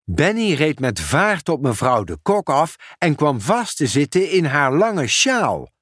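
A man with a husky, somewhat high voice reads a children's storybook aloud at an easy, unhurried pace, his lively delivery rising and falling expressively through each sentence. The recording is close and dry, with no room sound.

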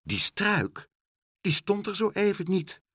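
Man voicing cautious grown-up storybook friend, hushed, careful, husky tone. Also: high voice, big pitch swings, slow pace, no echo, studio quality, pitched above the performer's own voice, full character voice. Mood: wondering.

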